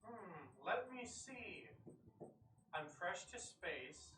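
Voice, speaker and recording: A man's voice: high voice, animated, extremely slow, pushed and bright, a little hiss or hum. A man playing a tabletop game, talking in an offhand, casual way. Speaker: player. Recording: echoey room, voice from far off, faint music.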